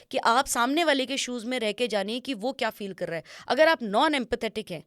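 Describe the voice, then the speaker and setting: A woman's voice: a little high, fairly bright tone, no room sound, studio quality. A woman speaking as an image consultant and guest, explaining points patiently in an interview and mixing English phrases into her speech. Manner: instructive, mixes English phrases into Hindi.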